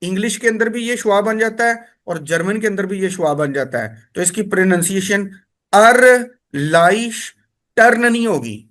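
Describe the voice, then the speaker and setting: High-voiced man teaching step by step. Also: animated, fairly bright tone. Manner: explains step by step, repeats words slowly to drill sounds. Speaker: language teacher. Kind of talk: spoken lesson.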